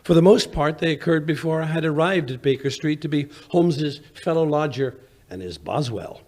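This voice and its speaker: Man acting genial old Doctor Watson, animated delivery. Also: a little high, normal speed. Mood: genial, musing. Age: older. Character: old, genial, bumbling Doctor Watson, self-deprecating English storyteller. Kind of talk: 1940s radio drama acting.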